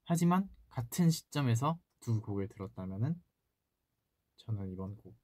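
A man's voice: mid-range voice, lively intonation, moderate pace, a little mellow, no echo. A young man in his twenties, an idol singer chatting playfully on a solo livestream and answering fan comments from a small room. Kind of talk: casual livestream chat, reading fan comments. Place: small indoor room, seated at a desk.

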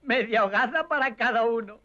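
An actor playing a cowardly, cheeky soldier in a dubbed western farce, with clownish mock politeness. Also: male voice, very high voice, a little fast, bright, forceful tone. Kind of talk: dubbed western comedy film. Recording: dull lo-fi film audio, music behind.

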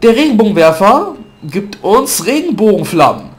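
His voice sits high and swings widely in pitch at a moderate pace as he loosely narrates gameplay for a gaming video. He has a stuffy nose from a cold, leans on fillers and self-corrections, and is recorded at home on a desk mic.

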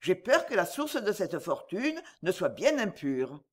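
A woman voicing a courteous, discreet male attorney in an audiobook, speaking low and confidentially. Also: very animated, measured pace.

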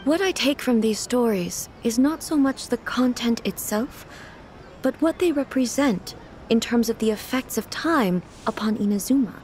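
A woman voicing an ageless goddess ruler in a video game, speaking in a calm, formal, measured way. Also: on the high side, slight background noise, lightly acted. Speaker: game character. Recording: game cutscene with background music. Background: game music.

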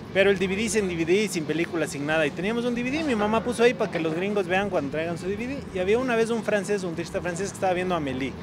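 A man in his thirties with an Ecuadorian accent, answering interview questions in an earnest storytelling way on a city street, into a handheld mic. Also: high voice. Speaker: cinematographer, guest. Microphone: handheld microphone held by interviewer. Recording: noisy outdoor street.

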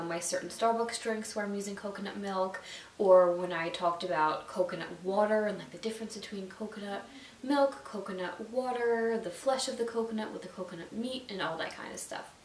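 A young woman YouTube vlogger sits on a sofa at home, chatting casually to camera about nutrition and saying "like" and "you know" a lot. Her mid-range voice is slightly nasal and stuffy, and the distant mic picks up roomy echo and faint hiss.

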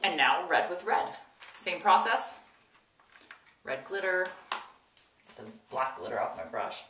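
A woman's voice: sits low, big pitch swings, unhurried, music in the background. A woman in her thirties giving a casual, emphatic tutorial to camera in an echoey bathroom, repeating words for emphasis. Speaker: video host, makeup tutorial presenter. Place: small indoor bathroom. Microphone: camera mic a little way off. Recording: echoey bathroom, mic at a distance.

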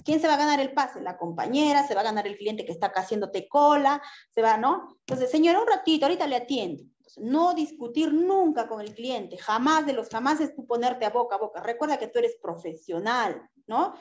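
A woman teaches pharmacy customer service in an animated lecture, often checking in with her listeners. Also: on the high side, moderate pace. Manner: animated, acts out customer exchanges, tag questions. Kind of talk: lively lecture with acted examples. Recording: echoey room, dull lo-fi sound.

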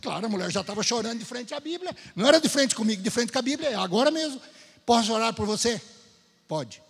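A man from Brazil giving a testimony sermon in a church, his husky, fairly high voice swinging up and down as he acts out each exchange. The long hall reverb of the sanctuary trails behind his words. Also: quick pace. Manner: storytelling, lively, acts out dialogue. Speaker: Gideon speaker at church.

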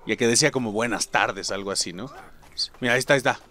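A man's voice: mid-range voice, very fast, pushed and bright. A man with a Mexican accent doing let's play commentary as a gaming channel host, joking, swearing freely and talking to his viewers like buddies. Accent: Mexican Spanish.

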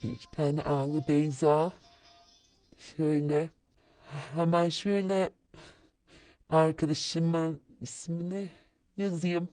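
Low, slow-spoken woman vlogger. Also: steady tone, dark tone, no echo. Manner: chatty, talks to herself while typing messages; sudden high-pitched exclamations. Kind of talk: casual screen-recorded commentary.

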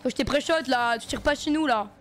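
A woman with a high voice talks fast while gaming on stream, tossing slangy, chatty remarks to her viewers. A little hiss or hum can be heard on the recording.

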